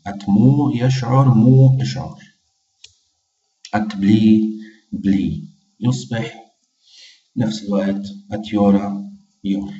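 Male language teacher, low mellow voice, slow patient repetition. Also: far from the mic. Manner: slow, patient, repeats each phrase twice. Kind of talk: casual spoken lesson. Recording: dull, echoey room, off-mic.

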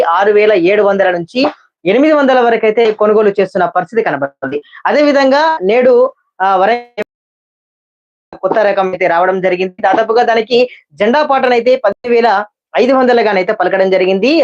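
A man gives an unscripted market price report as a channel host, with repetitive phrasing and small stumbles over figures. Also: high voice. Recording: dull lo-fi sound.

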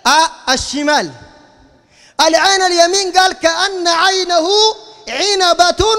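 A man preaches in Sudanese Arabic with a very high voice, scolding and mocking as he lectures. His words come quickly, and a long reverberant hall rings behind him. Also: a bit bright. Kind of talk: heated religious lecture.

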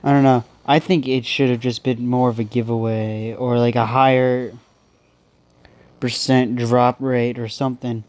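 Unhurried and level, a young man's mid-range voice carries a darkish tone without echo. He's a gaming channel host with a stuffy nose, thinking aloud through a mobile game in rambling, casual commentary full of restarts.

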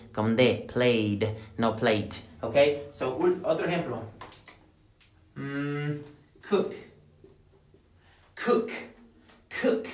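A man teaching a pronunciation lesson in a classroom, repeating words slowly for his students to drill. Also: fairly high pitch, slight background noise. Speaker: English teacher. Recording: echoey room, mic at a distance.

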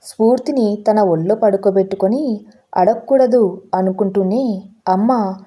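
Woman storyteller with a very dark voice. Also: medium pitch, normal speed. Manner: steady, emotive storytelling. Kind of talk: scripted narration.

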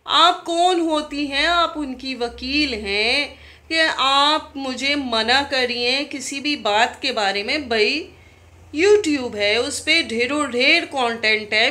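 A Pakistani woman in her thirties, a YouTuber replying to another vlogger, rants indignantly in a confrontational video diary, firing off pointed rhetorical questions. Her high-pitched voice is pushed and bright, recorded indoors in her living room on a phone held at arm's length.

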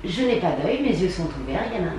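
A woman's voice: fairly low pitch, sing-song, brisk, echoey room, noisy background. A woman hosting a casual webcam chat, playful and teasing, sometimes singing lines at the strangers she meets. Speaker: video host chatting with strangers.

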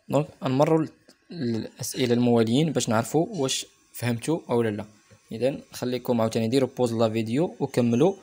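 Man teaching French slowly, Moroccan Arabic accent. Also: medium pitch, a little mellow. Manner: spells words out slowly and repeats them for pupils. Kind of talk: remote lesson for primary pupils.

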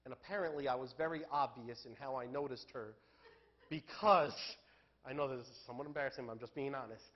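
A male pastor giving a sermon in a church, talking candidly and conversationally, then building to loud, emphatic peaks. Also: mid-range voice, fast talker, muffled recording.

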